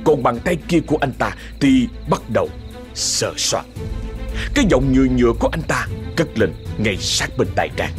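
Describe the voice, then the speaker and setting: A man narrating a ghost story in a dramatic, expressive way. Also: mid-range voice, normal speed, music in the background.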